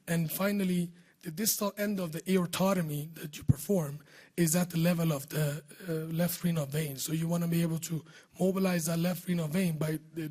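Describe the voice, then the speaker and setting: A man with a hoarse voice that is giving out, speaking close to the microphone as he presents surgical research in a scripted talk. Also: a little high, a little mellow. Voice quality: husky voice giving out. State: hoarse, losing his voice. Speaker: surgeon presenting research at a medical conference. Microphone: speaking close to a podium microphone.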